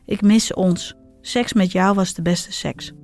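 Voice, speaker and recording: A woman's voice: fairly even intonation, slow, darkish tone, faint music behind. A woman voicing a commanding, seductive male ex-lover in a read-aloud diary story. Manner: low and suggestive.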